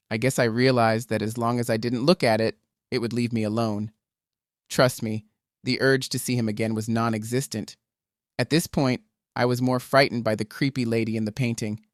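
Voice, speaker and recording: Guy reading a creepy reddit-style horror story, steady and tense, mid voice, dry sound. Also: mid-range voice, dry recording. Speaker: narrator. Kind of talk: scripted horror story narration.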